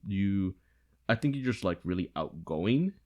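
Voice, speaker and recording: A man with a deep, low voice, co-hosting a laid-back chat show. He is blunt and teasing, and shoots down his partner's claims flatly. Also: unhurried, highs cut off. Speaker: podcast co-host. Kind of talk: casual chat.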